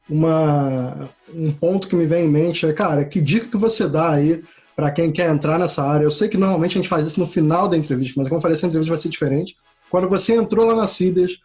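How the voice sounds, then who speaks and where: A man with a slightly high, somewhat mellow voice hosts an interview in a friendly, informal way, saying "cara."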